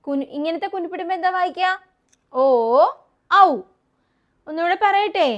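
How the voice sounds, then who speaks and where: A woman teaching young children their letters, coaxing them along with questions and slow, repeated letter sounds. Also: very high-pitched, a bit bright, highs cut off. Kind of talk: kids' alphabet lesson.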